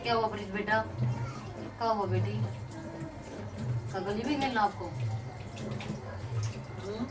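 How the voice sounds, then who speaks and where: A woman's voice: mid-range voice, a little slow, long pauses, far from the mic, loud music behind the voice, low-quality recording. A young woman, a mother vlogging at home, chatting casually and talking in a playful sing-song way to her little daughter. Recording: loud background noise.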